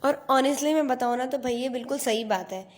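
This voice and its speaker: A woman's voice: high voice, a little fast. A teenage girl narrating a casual get-ready-with-me vlog, chatty and self-mocking, mixing English phrases into Hindi, recorded on a phone camera at home. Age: teens. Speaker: vlogger. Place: bedroom at home.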